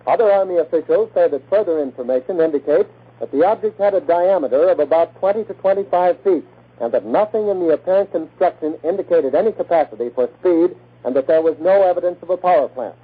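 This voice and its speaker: A man's voice: fairly high pitch, animated, fast, husky, phone-quality sound. A man reporting the news as a radio correspondent in a formal 1940s style, heard from an old archival broadcast.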